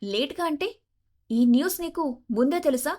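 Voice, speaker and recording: A woman voicing a spirited young woman CEO, a quick-tongued wife who exclaims and talks back, in a Telugu audio story. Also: high voice. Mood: worried. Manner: lively, exclaiming, sharp-tongued.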